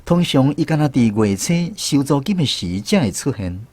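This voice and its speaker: Reflectively recounting his apprentice years, a Taiwanese-accented man narrates a radio drama over guitar. His medium-pitched delivery is sing-song, moderately paced, a little mellow and husky, without echo.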